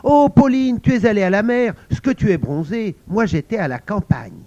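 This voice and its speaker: A high, bubbly child voice gushing and chattering to classmates in a read-aloud storybook, as a man puts it on. The pitch swoops widely, and the recording is dull and lo-fi. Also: lively intonation, moderate pace, warm tone. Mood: excited. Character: chatty excited schoolchild.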